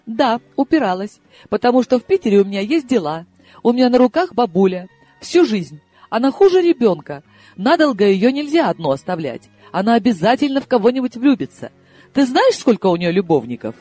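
A man putting on an excitable young woman in her mid-twenties, pitched far above his own voice and pushed louder. She sounds shrill, wounded and combative, with a soft, breathy edge to the tone. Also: brisk, no echo, soft background music, full character voice. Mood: indignant. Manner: shrill, tearful, protesting.

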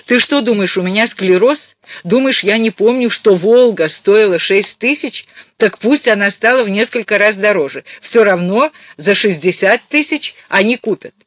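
A man voicing an excitable, indignant elderly mother in an audiobook, with a scolding, emphatic manner. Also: sits high, normal speed, no room sound, voice pushed up. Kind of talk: audiobook character voice.

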